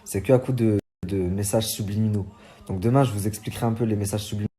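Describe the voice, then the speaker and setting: A man's voice: lowish voice, steady tone, fast talker, dark tone, slight background noise. A man talking casually on social media in a direct, exasperated way.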